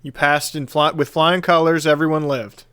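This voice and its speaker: A man voicing a breezy woman trainer in a tabletop game, brisk and offhand. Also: a little high, steady tone, a bit bright, smooth, dry recording, natural voice.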